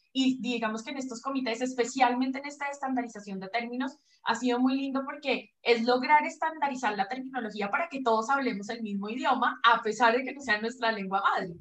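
On a low-quality recording, a high-pitched woman from Colombia, whose first language is Spanish, is interviewed by video call. As the guest, a pelvic floor physiotherapist, she explains hesitantly, full of fillers and restarts.

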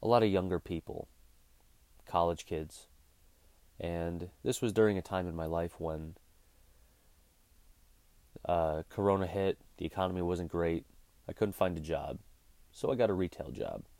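Deep and dark, this voice moves a little slowly with long pauses, heard in a dry recording. It belongs to a podcast host in his thirties ranting bluntly and cursing freely in a casual monologue.

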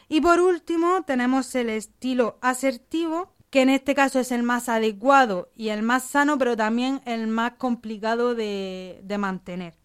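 Answering questions in an explanatory radio interview, a psychologist guest speaks calmly and methodically, laying things out in structured lists. Her voice is clear and fairly high-pitched.

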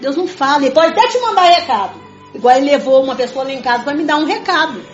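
A high-pitched woman talks through her faith in an earnest, emphatic way, circling back to the same points and calling out to her listeners again and again. Her voice bounces around a reverberant room. The sound is dull and muffled, with soft music underneath. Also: animated, quick pace. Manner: repetitive, keeps addressing listeners as "gente". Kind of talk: conversational religious talk.

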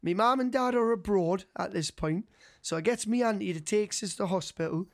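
A man's voice: sits high, a little fast, a little hiss or hum. A young man with a Geordie accent telling an anecdote casually to friends, slangy and sweary, acting out what people said. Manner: sweary, slangy, animated storytelling that acts out quoted dialogue.

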